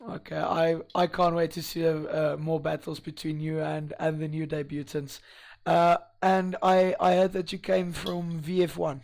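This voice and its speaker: Wheezy, higher-pitched male race commentator. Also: little pitch movement, moderate pace, creaky, darkish tone. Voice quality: wheezy, strained voice. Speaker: race commentator and post-race interviewer. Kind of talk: live esports race interview and commentary.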